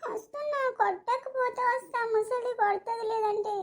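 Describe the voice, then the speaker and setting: A woman's voice: very high voice, level tone, normal speed, darkish tone. A woman voicing a frightened, mischievous little village boy, whiny and pleading.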